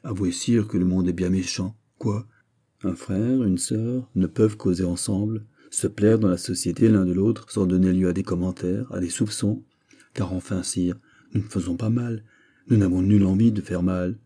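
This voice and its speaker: A man reading aloud and voicing a coquettish princess who speaks softly and teasingly. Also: low voice, moderate pace. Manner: soft, sly and calm.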